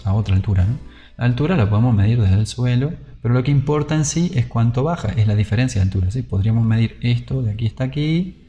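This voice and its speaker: Mellow-voiced man lecturing on physics. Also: medium pitch. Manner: conversational, thinks aloud, checks in with "¿no?" and "¿sí?". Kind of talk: informal whiteboard lecture.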